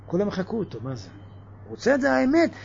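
Animated man preaching with mocking questions. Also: sits high, gravelly, dull audio, slight background noise. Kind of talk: religious sermon.

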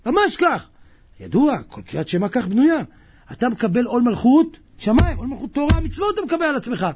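A man giving a religious sermon, animated and full of comic storytelling, acting out the people in his stories as he preaches. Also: extremely high pitch, husky. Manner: animated, acts out quoted characters, shifts between loud and hushed. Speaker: rabbi. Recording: muffled lo-fi recording.

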